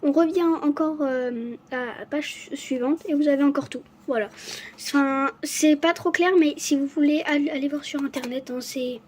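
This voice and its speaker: A woman who stutters, chatting casually to camera as she shows off her gifts, halting and apologetic. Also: high voice, steady tone, a little mellow, slight background noise. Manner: stutters, restarts words often. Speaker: vlogger showing her gifts. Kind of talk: casual unboxing chat to camera.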